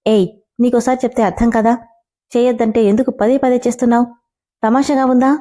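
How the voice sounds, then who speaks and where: A woman's voice: sits high, a little fast, husky, pitched above the performer's own voice. A woman voicing an angry young mother who snaps and scolds down the phone in a storytelling reading. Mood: shouting angrily. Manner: sharp, scolding.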